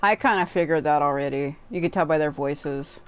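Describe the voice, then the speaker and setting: A woman's voice: low-pitched, fairly quick, faint music behind. A young woman giving casual, joking commentary while playing a game, swearing freely. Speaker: gaming streamer. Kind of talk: casual let's-play commentary.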